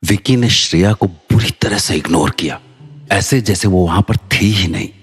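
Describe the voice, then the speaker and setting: Husky, very deep-voiced male narrator. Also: moderate pace, faint music behind. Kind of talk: scripted story narration.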